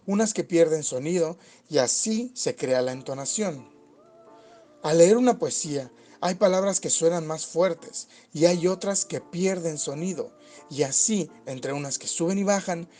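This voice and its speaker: A man giving calm, scripted educational narration for a lesson video, explaining steadily. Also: fairly high pitch.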